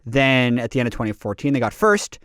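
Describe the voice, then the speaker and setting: A man's voice: mid-range voice, sing-song, a little fast, fairly bright tone, clean tone. A man hosting a podcast in an easygoing, upbeat way, sometimes running through lists of results. His voice sits mid-range and sounds close and dry, with no room echo. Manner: upbeat, conversational, reads out lists. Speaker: podcast host. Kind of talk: casual podcast chat.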